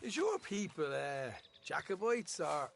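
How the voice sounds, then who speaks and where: A man's voice: fairly high pitch, very animated, unhurried, creaky, slight background noise, full character voice. An actor with an Irish accent playing a cheeky, rambling outlaw who teases as he talks. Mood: teasing. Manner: teasing, rambling.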